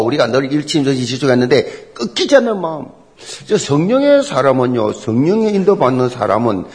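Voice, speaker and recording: A middle-aged man preaching a sermon as pastor, emphatic and animated, driving points home with rhetorical questions and repetition. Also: fairly high pitch.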